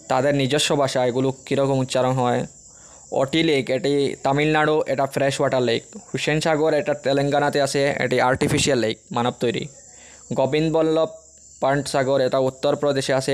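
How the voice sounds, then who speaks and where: A man teaching an exam-prep lesson, reading through a list of facts in a plain, steady, item-by-item way. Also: medium pitch, clean tone. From Assam, India.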